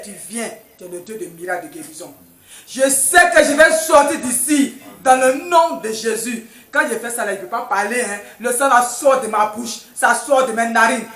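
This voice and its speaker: A woman's voice: on the high side, fairly bright tone. A woman giving a fervent spoken testimony in a church, breaking into sung praise refrains between her words. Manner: fervent, moves between telling and singing refrains. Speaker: testifying worshipper. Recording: roomy echo, voice far from mic.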